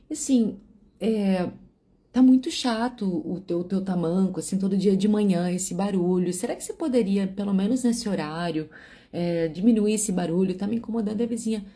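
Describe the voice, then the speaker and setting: A woman casually telling a story, acting out both sides of her phone calls with lively switches of voice. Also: lowish voice. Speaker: vlogger telling a personal story.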